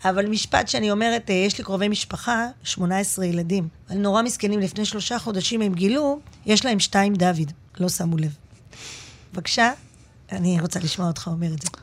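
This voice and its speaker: A woman comedian chatting as a guest in a radio studio, telling stories in an animated, expressive way. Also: medium pitch. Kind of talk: casual interview chat.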